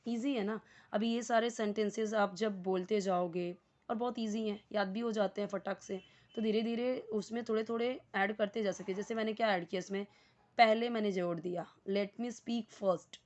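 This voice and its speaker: A woman with an Indian accent teaching basic spoken English, explaining patiently and repeating each English phrase slowly. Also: medium pitch, steady tone, a little mellow, highs cut off. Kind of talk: spoken English lesson in Hindi.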